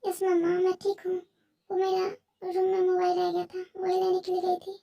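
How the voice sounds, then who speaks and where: A woman voicing a timid, tearful young college woman who speaks in a soft, pleading way. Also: extremely high pitch, completely flat delivery, normal speed, gravelly, far from the mic.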